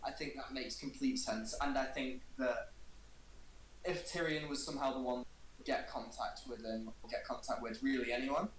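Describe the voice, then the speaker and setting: Guy cohosting a podcast, measured, echoey room with a bit of hiss. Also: medium pitch, steady tone. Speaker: podcast co-host. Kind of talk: casual chat.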